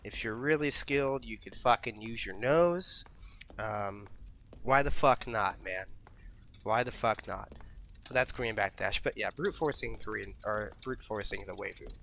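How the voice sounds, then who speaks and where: A man's voice: fairly low pitch, a little slow, gravelly, fairly bright tone, slight background noise. Laid-back, profane man explaining game inputs. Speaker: fighting game tutorial host. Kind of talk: casual gaming tutorial.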